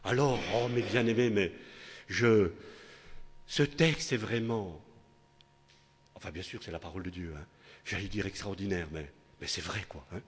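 An older man preaching a sermon with a husky voice, in a chatty style that keeps tossing tag questions to his listeners and restarting phrases. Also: deep voice, moderate pace, long pauses, a little hiss or hum. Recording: long hall reverb.

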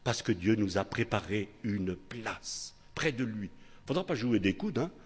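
An older man with a low, husky voice delivers a sermon, his pitch rising and falling widely as he talks. He preaches conversationally, keeps checking in with his congregation and restarts his phrases. His voice rings with the long reverb of a church hall. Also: animated, unhurried. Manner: chatty preaching, many tag questions, restarts.

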